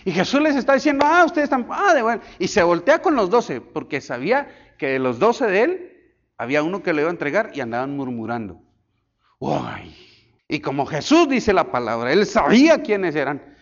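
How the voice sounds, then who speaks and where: A man in his forties, a pastor preaching a sermon in an animated way and acting out the voices he quotes. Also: fairly high pitch, moderate pace. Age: 40s. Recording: echoey hall, dull lo-fi sound.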